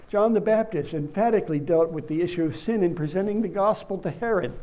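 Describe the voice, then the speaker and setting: A man preaching a sermon, reading scripture slowly and rising to emphatic bursts on key words. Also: on the high side, warm tone, rough recording.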